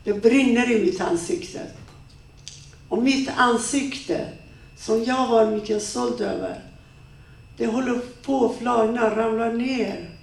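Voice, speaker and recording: Gravelly woman giving a dramatic speech. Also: fairly high pitch. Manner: dramatic, slow, emotional storytelling with short halting phrases. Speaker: women's rights activist. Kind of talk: personal testimony speech. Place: stage in a large room. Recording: echoey room, speaker far from mic.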